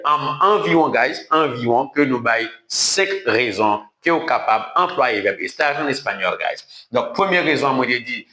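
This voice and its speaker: A man teaching an online language lesson in a bright, forceful voice. He drills each word slowly several times and checks that listeners follow with a quick "ok?". The sound rings around a roomy, echoey space. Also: medium pitch.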